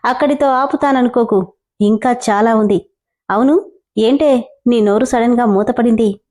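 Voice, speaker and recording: A woman's voice: a little high, measured pace, darkish tone. Siddharth, a woman doing a sneering young male boss. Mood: taunting. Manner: sarcastic, taunting.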